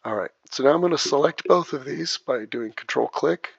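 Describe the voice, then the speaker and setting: Sex: man. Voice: gravelly, a bit creaky. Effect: low sample rate, muffled lo-fi audio. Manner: talks through each click of a software tutorial. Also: lively intonation, fairly quick, no echo. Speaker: video editing instructor. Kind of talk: step-by-step screen tutorial. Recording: dull lo-fi dry voice track.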